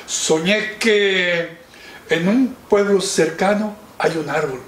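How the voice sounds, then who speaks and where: A man voicing a gentle but cunning dragon's wife who pleads and coaxes, in a children's story. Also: high-pitched, takes it slowly, slight background noise. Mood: pleading. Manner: pleading, sweetly sly. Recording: roomy, distant mic.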